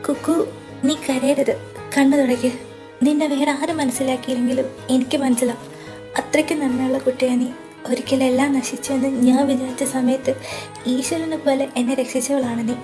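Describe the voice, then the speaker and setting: A woman's voice: sits high, steady tone, a little fast, over music. A woman voicing the characters of an amateur audio drama, delivering the dialogue in an earnest, emotional way.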